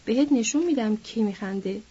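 A woman's voice: on the high side, dark tone, slightly rough, dull audio. A woman voicing an angry, picky young ranch man in a read-aloud story, in snapping, scornful lines. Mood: furious.

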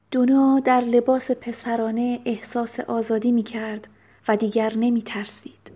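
A woman reads a novel aloud as an audiobook narrator. Her delivery is calm and measured, with a voice sitting a little higher than most women's. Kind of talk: scripted storybook narration.

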